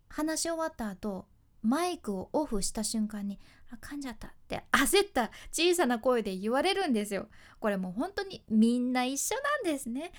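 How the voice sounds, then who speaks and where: A woman radio announcer with a Hakata dialect, hosting a chatty advice podcast and explaining with lively asides. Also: high-pitched. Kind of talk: casual spoken advice podcast.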